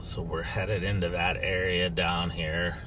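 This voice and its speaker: An American man from San Diego, a police officer explaining patrol work in a halting, matter-of-fact way. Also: low-pitched, little pitch movement. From San Diego, United States. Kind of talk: casual explanatory talk. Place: moving patrol car. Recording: distant mic, loud car noise.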